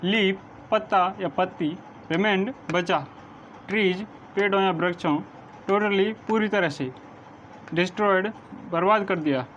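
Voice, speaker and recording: High-voiced man dictating word meanings slowly. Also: a bit bright. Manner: slow, measured dictation, spelling words letter by letter. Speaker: teacher. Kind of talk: vocabulary lesson, reading word meanings. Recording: dull lo-fi sound with faint noise.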